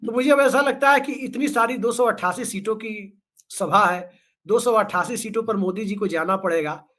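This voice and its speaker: A man's voice: high voice, moderate pace, bright, forceful tone. A man speaking as a guest in a political discussion, sarcastic and joking, with storytelling asides.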